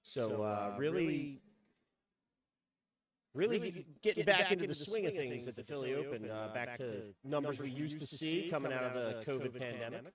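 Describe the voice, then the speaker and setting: A man's voice: mid-range voice, moderate pace. A man doing live darts commentary whose voice sounds hollow, as if he were talking through a tunnel. He speaks conversationally and keeps track of the numbers. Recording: distant from the mic, tunnel echo.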